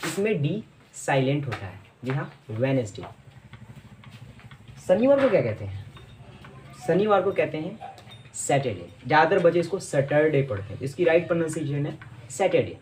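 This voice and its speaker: Man, Hindi pronunciation lesson, patient, repeats words slowly, faint background noise. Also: fairly high pitch, sing-song, a little mellow. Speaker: English pronunciation teacher. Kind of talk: explaining lesson to camera.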